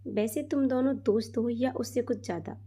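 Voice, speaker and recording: A woman voicing a young widowed mother who is gentle but protective, speaking earnestly in a Hindi storybook. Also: fairly high pitch, normal speed, husky. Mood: firm.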